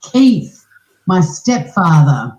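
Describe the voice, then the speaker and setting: An Australian woman hosting a scambaiting livestream, asking teasing, deadpan questions on a prank call. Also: lowish voice, drawn-out words, roomy sound, a little hiss or hum.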